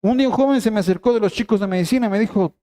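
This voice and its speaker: A man's voice: high-pitched, very fast, mellow. A middle-aged man preaching a sermon, emphatic and repeating key phrases as he speaks straight to the congregation. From Ecuador.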